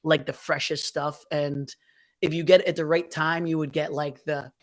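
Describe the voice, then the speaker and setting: A man's voice: fairly high pitch, level tone, normal speed. Podcast guest, man, easygoing, rambly, jokey. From New Jersey. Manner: rambling, playful exaggeration. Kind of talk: casual chat.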